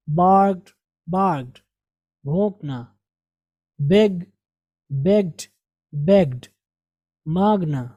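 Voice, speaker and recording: A woman English teacher with an Indian Urdu-speaking accent, explaining grammar and drilling vocabulary slowly, repeating each word. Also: mid-range voice, warm tone, no echo. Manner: slow, drilling pronunciation and repeating words.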